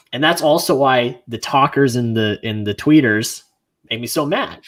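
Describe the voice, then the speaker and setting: A man hosting a livestream, chatting casually in an earnest, rambling way that grows animated when he is frustrated. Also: mid-range voice, a little slow. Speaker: livestream host.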